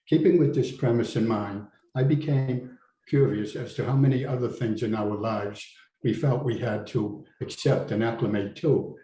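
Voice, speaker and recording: A man reading his personal essay aloud at a public event, earnest and deliberate. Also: medium pitch, mellow. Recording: roomy venue with faint ambience.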